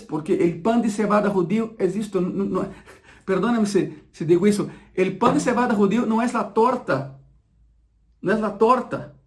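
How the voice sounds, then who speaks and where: A man preaching a sermon, emphatic and repeating key phrases slowly so the congregation absorbs them. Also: sits high, darkish tone.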